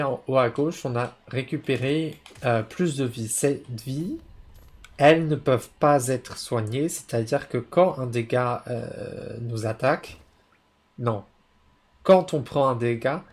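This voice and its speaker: A man playing a video game while chatting casually and stopping to explain words for language learners, often correcting himself. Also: medium pitch. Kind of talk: casual gameplay commentary for learners.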